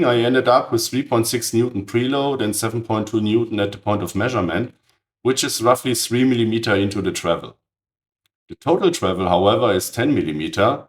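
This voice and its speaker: A man narrates a technical build in a precise, matter-of-fact way, his voice raspy and hoarse from a cold. He sits somewhat low in pitch and delivers blunt verdicts plainly. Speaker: channel host.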